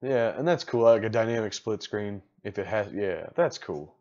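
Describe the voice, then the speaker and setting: A middle-aged man co-hosting a casual podcast chat, blunt and animated, swearing casually. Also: lowish voice, normal speed, highs cut off. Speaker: podcast co-host.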